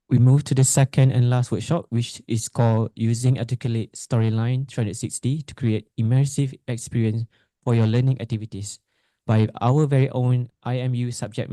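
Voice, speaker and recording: Very mellow, dark-voiced Malaysian man. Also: medium pitch, dry recording. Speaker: master of ceremonies. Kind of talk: formal scripted introduction.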